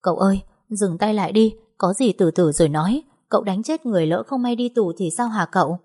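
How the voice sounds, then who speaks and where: A woman voicing an anxious young woman, urging calm. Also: medium pitch, fairly quick, husky, lightly acted. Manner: urging and worried.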